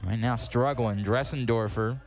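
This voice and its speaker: A sports commentator calls live play-by-play on a broadcast, dropping wry asides between plays and getting quick and excitable on big moments. His voice is mid-range, with soft music and some chatter in the background.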